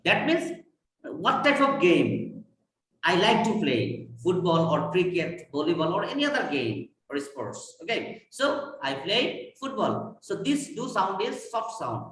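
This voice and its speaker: Bright high-voiced Bengali teacher. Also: male voice, big pitch swings, extremely slow. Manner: patient, repeats and models sentences. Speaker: English teacher. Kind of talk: online spoken English class. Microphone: video call. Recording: echoey, distant, lightly noisy call audio.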